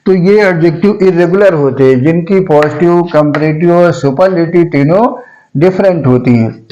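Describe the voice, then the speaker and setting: A male teacher giving a grammar lesson, saying each word slowly and repeating it several times so students can follow. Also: a little high, dark tone, muffled recording.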